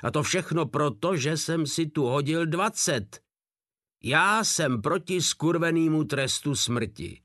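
A man's voice: fairly high pitch, expressive, fairly bright tone, dry recording, studio quality. A man voicing a huge, crude soldier who mocks and threatens coldly, read as an audiobook. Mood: sneering. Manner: coldly mocking, foul-mouthed.

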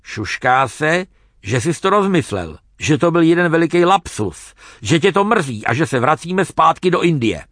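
A man's voice: on the high side, big pitch swings, fairly bright tone, no echo, studio quality, voice pushed up. A man voicing a bold young woman warrior who teases and needles with blunt questions. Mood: mocking.

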